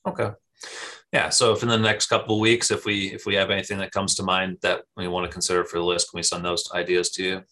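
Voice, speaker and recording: Male commission chair at a public meeting; deep, bright voice, halting delivery. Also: little pitch movement. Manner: halting, with frequent fillers and restarts.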